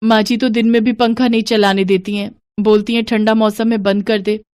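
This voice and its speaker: Young cartoon daughter-in-law, pitched higher, grumbling, a woman acting it. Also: level tone, normal speed, darkish tone, no room sound, close to an everyday voice. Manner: complaining, mildly exasperated.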